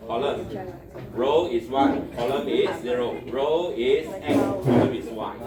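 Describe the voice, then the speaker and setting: A man's voice: medium pitch, unhurried, heavy background noise. A man with a Singaporean or Malaysian accent teaching a coding lesson step by step, repeating phrases and checking understanding with short tag questions. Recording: echoey classroom with chattering students. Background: students chatting.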